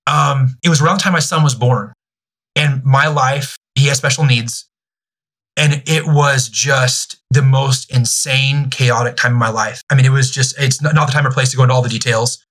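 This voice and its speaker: Man, thirties, husky voice, halting candid podcast talk, frequent restarts. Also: medium pitch, fairly even intonation, a bit bright. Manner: halting, many restarts and fillers. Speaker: guest, youth ministry executive director.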